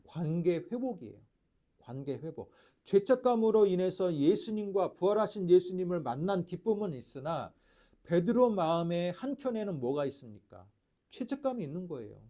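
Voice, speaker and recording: Animated preaching man, dark voice. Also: sits high. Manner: preaching with rhetorical questions and acted quotes; swings between loud declarations and near-whispered lines. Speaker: pastor. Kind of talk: sermon.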